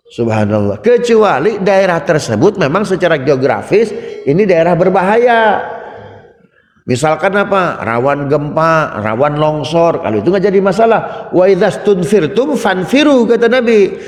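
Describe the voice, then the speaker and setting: A man preaching a hadith lecture in a large mosque, lively, often asking his listeners questions. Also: sits high. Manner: lively, keeps asking the audience questions and tags "Pak". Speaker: Islamic preacher. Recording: echoey hall with long reverb.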